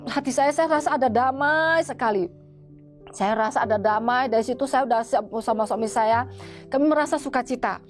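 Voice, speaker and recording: A woman giving a church testimony in an interview, talking in a halting way with many restarts. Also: on the high side, faint music behind. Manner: halting, with frequent restarts and repeated words.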